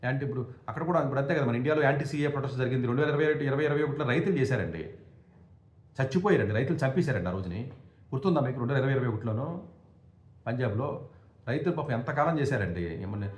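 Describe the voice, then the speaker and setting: A man speaks at a breakneck pace, firing off indignant rhetorical questions and stumbling over restarts. His voice sits at an ordinary pitch. The recording has a roomy echo around it. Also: lively intonation, rapid-fire. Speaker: education commentator. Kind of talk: impassioned monologue.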